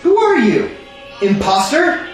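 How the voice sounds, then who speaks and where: A man's voice: very high-pitched, very animated, slow pace, pitched above the performer's own voice, full character voice. A man doing a sly mocking doppelganger. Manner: mocking, echoing questions back. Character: sly shape-shifting doppelganger copying heroes. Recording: very echoey room with faint music.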